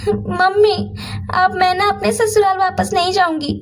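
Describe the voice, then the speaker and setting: A woman's voice: very high-pitched, level tone, normal speed, soft background music, pitched above the performer's own voice. Woman doing a whiny young daughter. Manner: whiny, pleading.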